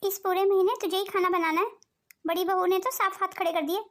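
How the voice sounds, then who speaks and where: A woman's voice: very high-pitched, fairly even intonation, a little fast. A woman voicing a patient older mother-in-law in a cartoon, with a soothing, pleading way of talking. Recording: faint music underneath.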